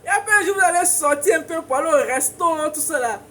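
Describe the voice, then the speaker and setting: Emphatic high-voiced Ivorian woman. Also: animated, fast, a bit bright, slight background noise. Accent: Ivorian French. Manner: emphatic, preachy, laughs often, repeats for emphasis. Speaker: relationship advice commentator. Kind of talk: casual advice monologue to viewers.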